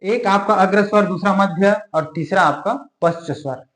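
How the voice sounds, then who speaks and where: A man's voice: high-pitched, a bit bright. A man teaching an exam-prep grammar lesson, stretching key terms out word by word and checking in with the class constantly. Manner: drawls key terms slowly word by word, adds frequent check-ins. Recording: echoey room.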